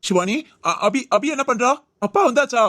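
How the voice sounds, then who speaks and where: Woman doing a nervous young guy, stammers a lot, highish voice, dry sound. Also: normal speed, no room sound, lightly acted. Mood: worried. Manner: stammering, anxious questioning. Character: anxious young man on the phone.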